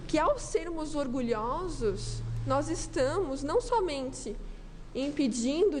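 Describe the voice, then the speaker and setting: A woman giving an earnest, measured doctrinal talk at a spiritist centre, reading quoted passages. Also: sits high, a little mellow. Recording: long hall reverb.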